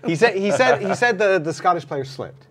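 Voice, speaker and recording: A man's voice: sits high, expressive, fairly quick, crowd noise. A man hosting a casual sports podcast, recapping a rugby match in a conversational way with many fillers. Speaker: podcast host.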